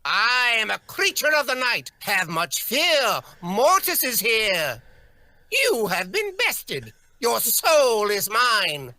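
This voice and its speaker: An actor playing a pompous, theatrical gothic vampire villain in a video game, declaiming grandly. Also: male voice, high voice, huge pitch swings, slow pace, sharp tone, no room sound, exaggerated voice. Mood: grandly sinister. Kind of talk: video game character catchphrases.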